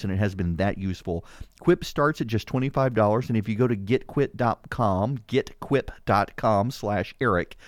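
A man's voice: medium pitch, no room sound, clean studio sound. A man hosting a radio talk show, speaking conversationally and emphatically, with slightly hissing s sounds. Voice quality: slightly hissing, sibilant s from dental braces. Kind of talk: conversational monologue and sponsor read.

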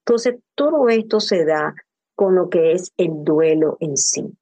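A woman's voice: lowish voice, expressive, measured pace, warm tone, low-quality recording. An older woman speaking as a grief counselor in an interview, earnest and personal, often asking rhetorical questions. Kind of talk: reflective interview talk.

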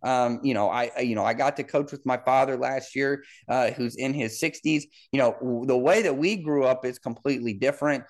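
A man in his thirties talks alone into the mic as a football coach hosting his own podcast. His voice sits at an ordinary middle pitch, and his delivery is loose and conversational, full of fillers, repeated words and restarted sentences. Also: a little fast, hardly any pauses. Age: 30s. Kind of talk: solo podcast monologue.

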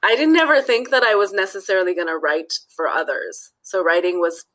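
A woman's voice: medium pitch, fairly quick, a bit bright, low-quality recording. A woman from Nepal, a guest author talking through her thoughts in a casual interview, often restarting phrases and adding "you know.".

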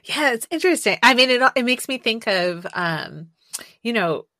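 A woman hosting a podcast, asking curious questions in a relaxed, chatty way. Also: on the high side, moderate pace, no echo, studio quality. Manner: curious, relaxed, uses fillers. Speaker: podcast host. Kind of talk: conversational podcast interview.

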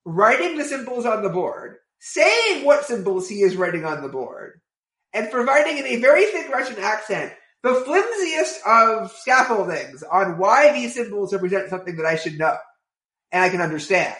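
A man telling a long anecdote as a podcast guest, rambling and filling pauses with "like" and "right?". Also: high voice, reverberant. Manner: animated, rambling, many fillers like "right?". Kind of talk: casual storytelling.

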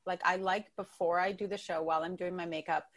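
A woman's voice: on the low side, fairly even intonation, quick pace. A woman with a Canadian accent, a comedian guest on a podcast, telling chatty stories and laughing often. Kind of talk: casual chat.

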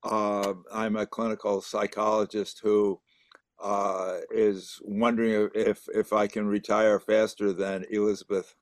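A man in his eighties introducing himself on a group call, halting with many fillers. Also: lowish voice, little pitch movement, no echo. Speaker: clinical psychologist. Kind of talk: casual self-introduction.

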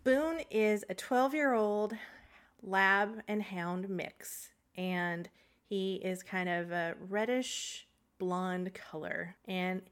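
A woman's voice: medium pitch, drawn-out words. Laughing, chatty woman podcast co-host. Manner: laughs often, quirky and chatty. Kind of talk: casual chat.

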